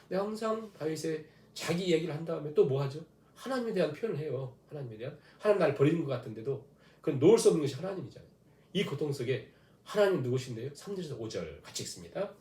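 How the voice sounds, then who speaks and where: A man's voice: on the high side, big pitch swings, fast talker, dark tone, echoey room. A man preaching a dawn prayer sermon, asking rhetorical questions and leading the congregation through scripture readings. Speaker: pastor. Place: church sanctuary.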